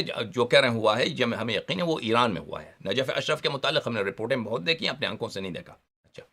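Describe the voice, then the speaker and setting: A man giving a religious lecture, explaining Arabic terms in Urdu and often checking that listeners follow along. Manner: animated and emphatic, with sharp rises in pitch and loudness.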